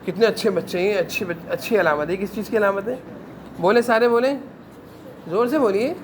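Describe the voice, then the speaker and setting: A man's voice: sits high, slight background noise. A man teaching a class of children at a madrasa, sternly correcting them and making them answer together.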